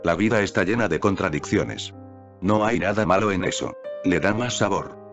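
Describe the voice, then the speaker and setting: Low-voiced man reading a spiritual text. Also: moderate pace. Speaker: narrator. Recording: dull lo-fi voice-over with faint music.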